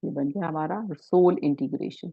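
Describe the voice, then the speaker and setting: Low-voiced woman teaching a symbol course. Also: vocal fry, breathy edge, no echo, lo-fi sound. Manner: explains in Hindi with many English words, reads English passages slowly. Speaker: course instructor.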